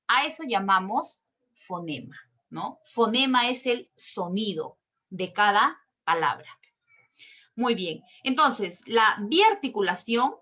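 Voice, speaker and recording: A woman's voice: on the high side, sharp tone, muffled recording. A woman teacher explaining a lesson in an online class, patient and step by step, checking with questions as she goes. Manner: slow and drawn out. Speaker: language teacher.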